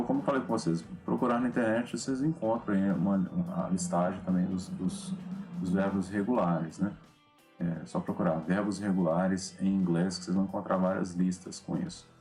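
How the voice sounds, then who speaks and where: A man's voice: low-pitched, darkish tone. A man with a Brazilian Portuguese accent teaching an English grammar lesson in a loose, repetitive way, often checking in with "né?". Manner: loose, repeats words, often adds "né?". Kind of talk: recorded lesson explaining grammar.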